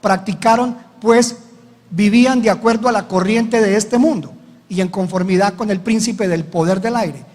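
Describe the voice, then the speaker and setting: A man's voice: high-pitched, normal speed, a little mellow, big-room sound. A man preaching as pastor, telling a story with dramatic retold dialogue. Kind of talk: sermon.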